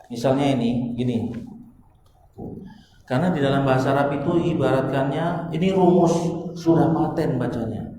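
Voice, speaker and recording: A man's voice: a little high, darkish tone, slight background noise. A man teaching an Arabic grammar class, explaining patiently, asking the students questions, and chanting verb patterns with them. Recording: echoey hall with long reverb.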